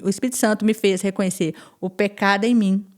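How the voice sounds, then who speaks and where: Animated woman telling a personal story. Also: mid-range voice, quick pace. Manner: animated, repeats phrases and acts out quoted speech. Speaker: podcast guest.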